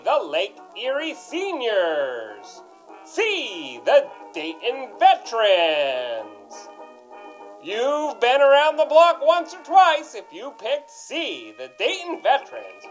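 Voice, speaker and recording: A man's voice: extremely high pitch, lo-fi sound. A man hosting a scripted quiz segment in old-time radio style, with wordy, mock-formal narration. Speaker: segment host and correspondent. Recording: music behind the voice.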